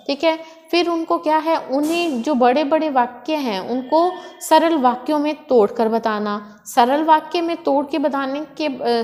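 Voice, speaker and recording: A woman teacher explaining a lesson step by step, asking questions and answering them herself. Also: high-pitched. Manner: asks and answers her own questions. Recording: echoey room with long reverb.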